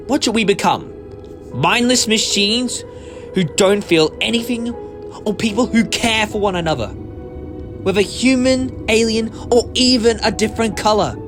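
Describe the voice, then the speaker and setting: Man playing the Doctor, high-voiced and lively. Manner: theatrical, taunting and speechifying. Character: eccentric, talkative alien time traveller, compassionate hero. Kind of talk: sci-fi audio drama acting.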